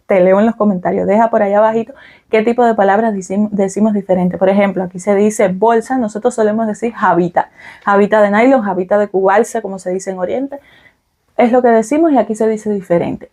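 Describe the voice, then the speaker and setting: A warm, medium-pitched female voice belongs to a young adult vlogger from Cuba. Talking casually to camera with a Cuban Spanish accent, she fills her explanations with fillers and "ok?" check-ins.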